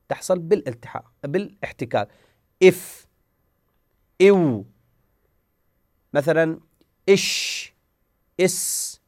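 A man's voice: medium pitch, no room sound, clean studio sound. A man teaching a Quran recitation lesson. He asks questions and answers them himself, and sounds out letters to demonstrate.

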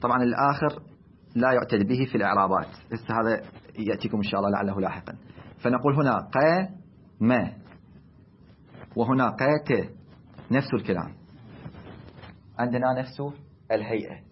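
A man with an Iraqi accent teaching a class, speaking deliberately and asking and answering his own questions. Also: lowish voice, dull audio, a little hiss or hum. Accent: Iraqi Arabic. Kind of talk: classroom lecture.

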